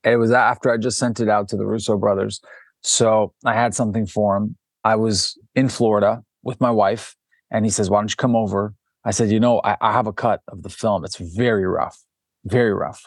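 A man's voice: lowish voice, brisk, no room sound, clean studio sound. A man being interviewed as a film director, telling anecdotes with lots of restarts and quoted dialogue. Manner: animated anecdotes with many restarts and acted quotes. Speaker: documentary director, guest. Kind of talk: conversational storytelling interview.

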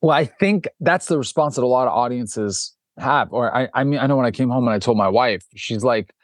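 A man's voice: medium pitch, brisk, no room sound, clean studio sound. A man being interviewed as a film director, telling anecdotes with lots of restarts and quoted dialogue. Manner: animated anecdotes with many restarts and acted quotes. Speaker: documentary director, guest. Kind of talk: conversational storytelling interview.

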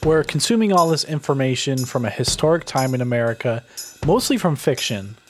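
A man's voice: mid-range voice, expressive, brisk, soft background music. A man hosting a podcast, asking questions and narrating scripted segments in a conversational, inquisitive manner. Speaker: podcast host.

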